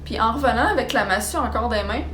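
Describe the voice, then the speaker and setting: A young woman with a Québécois accent telling a story in a casual, animated, dramatic way. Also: fairly high pitch, fast, a little hiss or hum. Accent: Québécois French. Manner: animated, dramatic, acts out sounds and quotes. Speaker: vlogger. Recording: roomy echo with background music.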